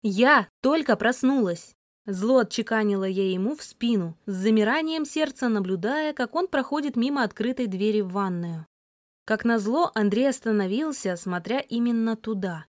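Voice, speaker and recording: A woman narrating a first-person novel as an audiobook, lively and voicing the heroine's sharp retorts. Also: on the high side, normal speed, dry recording, clean studio sound.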